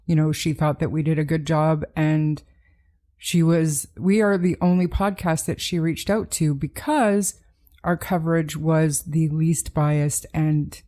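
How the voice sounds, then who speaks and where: Female podcast host, low warm voice, casual and hesitant. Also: fairly even intonation, unhurried. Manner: hesitant, many ums and restarts.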